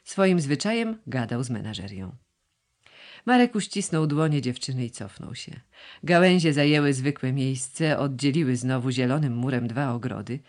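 Calm male audiobook narrator. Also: medium pitch, normal speed.

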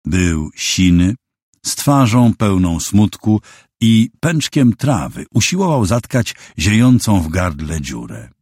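Deep, husky male audiobook narrator. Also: no room sound, clean studio sound. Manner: measured storytelling with expressive intonation. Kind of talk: scripted literary narration.

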